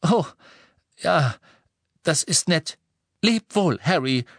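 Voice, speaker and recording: A man voicing a brisk, indignant adult witch. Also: deep voice, animated, dry recording, pitched above the performer's own voice, full character voice. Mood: kind.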